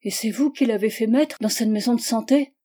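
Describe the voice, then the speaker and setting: A woman's voice: on the high side, fairly quick, mellow, lightly acted. A woman voicing a distraught, indignant young wife. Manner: indignant, emotional outbursts.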